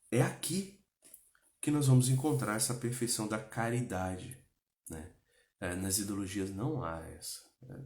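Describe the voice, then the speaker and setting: A man's voice: medium pitch, roomy sound. Impassioned Brazilian man teaching religion. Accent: Brazilian Portuguese. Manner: impassioned, repetitive, frequent "né?" tags. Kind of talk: religious class talk.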